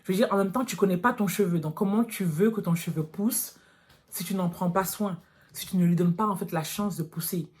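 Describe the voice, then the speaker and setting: A woman's voice: mid-range voice, brisk, darkish tone. Frank woman vlogger talking straight. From France. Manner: frank and direct, addressing viewers as girls. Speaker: natural hair vlogger. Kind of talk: casual vlog talk to viewers.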